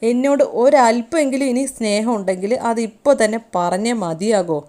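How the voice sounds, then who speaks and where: A woman's voice: a little high, normal speed, dark tone, lightly acted. A grieving middle-aged mother pleads and accuses in a raised, tearful voice, as a woman narrator reads her lines. The reading stays close to an everyday voice, more recited than performed. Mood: pleading, accusing.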